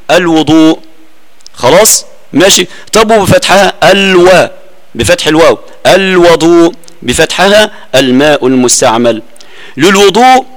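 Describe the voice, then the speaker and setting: A man with an Egyptian accent, a sheikh giving a religious lesson, explaining with rhetorical questions. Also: fairly high pitch. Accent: Egyptian Arabic.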